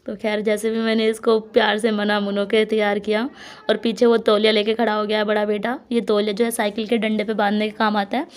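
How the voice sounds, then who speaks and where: A woman's voice: mid-range voice, flat delivery, fairly quick. A young woman from India narrating her family vlog in a chatty, casual way, laughing now and then. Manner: chatty, laughs often, talks warmly to her small children. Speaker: vlogger and mother.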